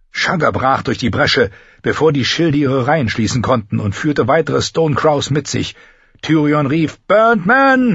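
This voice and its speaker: Husky-voiced man narrating a fantasy audiobook. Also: mid-range voice, no room sound. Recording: slightly dull lo-fi dry recording.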